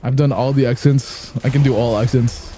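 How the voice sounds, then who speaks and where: A male game streamer chats casually and jokes with his viewers. His voice has a dark, mellow tone, and he rambles and brags playfully. Faint music plays in the background. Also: mid-range voice, steady tone, moderate pace. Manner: joking, rambling, self-boasting. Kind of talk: casual gameplay commentary.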